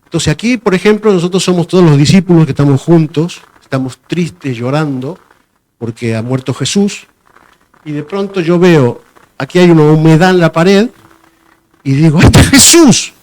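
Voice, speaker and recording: A man's voice: fairly high pitch, normal speed, darkish tone. A man giving a sermon in a conversational way, often repeating phrases and stopping to search for words. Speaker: preacher.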